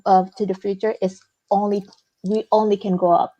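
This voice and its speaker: A woman's voice: mid-range voice, flat delivery, warm tone, lo-fi sound. Earnest woman guest. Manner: earnest, halting with restarts. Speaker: interview guest, small business owner. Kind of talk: casual live interview.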